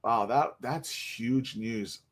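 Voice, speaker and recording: A young man with a medium-pitched voice speaks slowly while hosting a casual hockey livestream. Short on sleep, he yawns and sounds tired, rambling chattily with lots of fillers.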